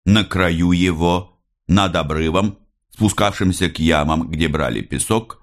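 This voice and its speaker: A man narrating a novel aloud in a measured, unhurried reading. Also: low voice. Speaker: audiobook reader. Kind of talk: scripted literary narration.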